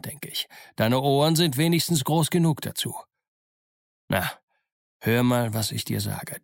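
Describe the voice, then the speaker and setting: A sly, boastful old sea cook turned pirate, put on by a man reading aloud. His voice sits at a middling pitch and sounds dry and close, coaxing and bragging by turns. It comes across as a storybook villain. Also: creaky, no room sound. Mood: scolding. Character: cunning boastful older male pirate cook.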